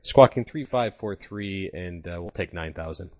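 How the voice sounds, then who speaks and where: A man, a private pilot heard over the aircraft radio, making halting calls to air traffic control with many fillers and self-corrections. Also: sits low. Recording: muffled aircraft radio transmission.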